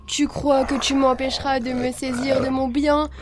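A woman voicing a possessive forest spirit in panther form in a storybook, slow and menacing. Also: sits high, level tone, crowd noise, close to an everyday voice. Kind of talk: storybook character voice.

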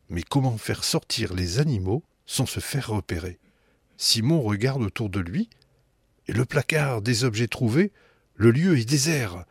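Male storyteller, expressive reading, lively swooping pitch, low voice, dry close sound. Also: breathy edge, dry recording. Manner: animated, playful.

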